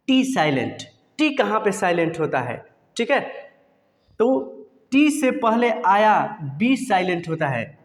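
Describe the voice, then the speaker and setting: A man's voice: high voice, long reverb tail. A man teaching a video lesson, asking questions and answering them himself.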